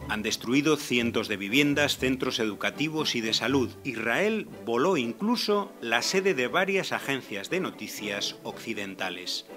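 A man's voice: medium pitch, lively intonation, a little slow, few pauses, sharp tone, faint music behind. A man reading scripted report narration with a pointed, critical delivery.

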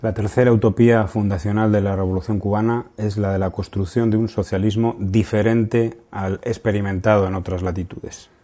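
A man's voice: fairly low pitch, steady tone, a little fast, few pauses, mellow. A man acting as interviewer, formally reading out a prepared prompt.

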